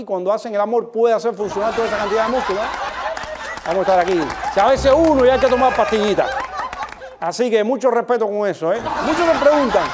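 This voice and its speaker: A man from Cuba performs a stand-up routine with a high, bright voice. He jokes with the audience and acts out silly laughs. A faint hiss of noise sits behind him. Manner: joking, addresses the audience directly. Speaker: comedian host. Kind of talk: stand-up monologue.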